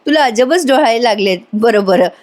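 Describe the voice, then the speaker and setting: A woman's voice: fairly high pitch, lively intonation, moderate pace, lightly acted. Woman reading a musing older aunt. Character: older aunt, gentle, reminiscing.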